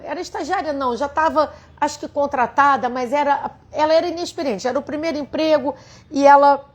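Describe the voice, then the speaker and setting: Earnest Brazilian woman telling a story. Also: a little high. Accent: Brazilian Portuguese. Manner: earnest, addresses listeners directly. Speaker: spiritual teacher. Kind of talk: storytelling to an audience.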